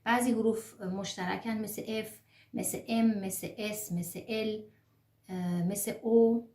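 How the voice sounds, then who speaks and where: Woman, language teacher, careful letter-by-letter delivery, middle pitch, echoey room. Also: steady tone, warm tone. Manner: slow, careful letter-by-letter pronunciation with fillers. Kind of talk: online lesson on the German alphabet.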